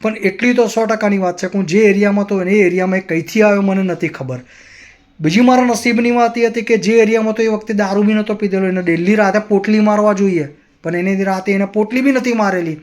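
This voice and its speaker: A man's voice: sits high, quick pace, a little mellow. A man vlogger telling a personal story in an earnest, moralizing way.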